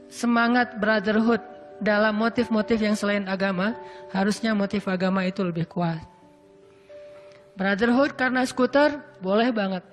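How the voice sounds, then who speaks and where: A man preaching in a relaxed, conversational sermon style, drawing out quoted Arabic verses slowly. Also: extremely high pitch. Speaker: Islamic preacher. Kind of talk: casual sermon. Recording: hall reverb with faint music.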